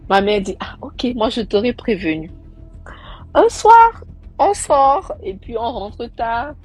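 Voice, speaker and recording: A woman's voice: on the high side, slow, husky, soft background music. A young woman casually recounting a personal story, acting out the people she quotes. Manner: animated, acting out quoted voices.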